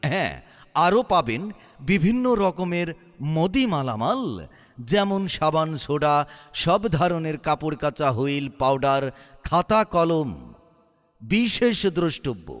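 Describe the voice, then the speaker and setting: A man from Bangladesh calls out a shop advertisement over a PA loudspeaker, stretching his words into a sing-song list of goods. His voice sits a little high and comes through smooth and resonant. A long reverb trails after every phrase. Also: animated. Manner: drawn-out, sing-song announcer listing of goods. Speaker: shop announcer.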